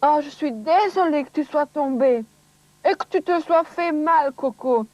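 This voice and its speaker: A woman playing a kind, gently chiding girl in a dubbed children's cartoon, on dull tape audio. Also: high-pitched, unhurried, dry recording.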